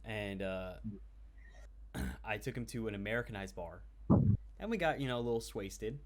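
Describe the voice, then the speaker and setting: A young man with a somewhat low voice tells a rambling, casual anecdote to friends. His talk is loose and filled with "uh"s and swear words. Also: big pitch swings, moderate pace. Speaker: podcast co-host telling a story. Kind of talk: casual storytelling chat.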